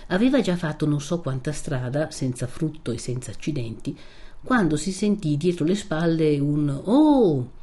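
A woman narrating a novel aloud in a measured, steady storytelling manner. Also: low-pitched, slightly rough.

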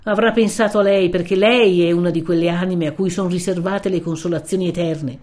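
Female reader as severe elderly friar, storybook reading: solemn, rebuking, lower voice. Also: steady tone, darkish tone, close to an everyday voice. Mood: stern rebuke. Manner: solemn, rebuking, slow and grave at times. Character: stern old male friar, severe and righteous.

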